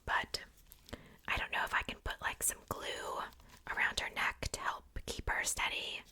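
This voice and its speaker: A young adult woman who makes ASMR videos whispers breathily, without voicing, as she does a casual show-and-tell. She rambles softly and takes her time.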